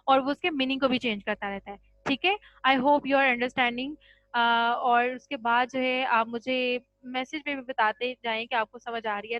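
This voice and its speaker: In a high-pitched, somewhat bright voice on a dry, lo-fi recording, a woman patiently teaches English grammar classroom-style. She mixes Hindi with English terms, addresses her students as children, and checks in with "ठीक है?" after each point.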